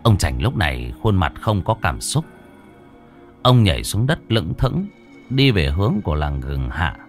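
Lively male horror storyteller. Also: sits low, unhurried. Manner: vivid, expressive storytelling. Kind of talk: dramatic horror story narration. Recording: narration over faint music.

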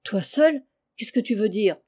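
A woman reading aloud, voicing an excitable, obsessed man who gives urgent orders in a story. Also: medium pitch, unhurried. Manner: urgent, commanding questions. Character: excitable eccentric man, obsessed treasure seeker.

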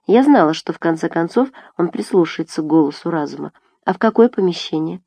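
Woman reader doing an excitable mother, dry close sound. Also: on the low side, fairly quick, gravelly, husky, no echo, heavily acted. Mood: pleased. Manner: anxious, exclaiming.

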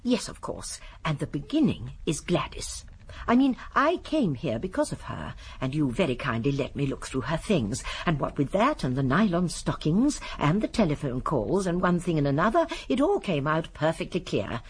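In a BBC radio drama, an actor gives a full character voice to a genteel, elderly English lady who solves crimes as an amateur sleuth. The voice is very husky and low-pitched, swooping in a sing-song way at a moderate pace, with an earnest mood. She is prim, courteous and politely modest, rambling a little, yet precise, shrewd and gently sure of herself.

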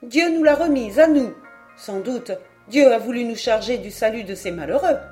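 Brief: earnest storybook noblewoman, raised and fervent, mellow tone, voiced by a woman narrator. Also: fairly high pitch, moderate pace, faint music behind, voice pushed up, close to an everyday voice. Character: warm, resolute young noble wife.

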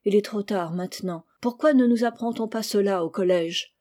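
A woman's voice: medium pitch, normal speed, mellow, close to an everyday voice. A woman reading the lines of a moody, rueful young man in an audiobook, in a sulky tone. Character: moody, gloomy young male cousin.

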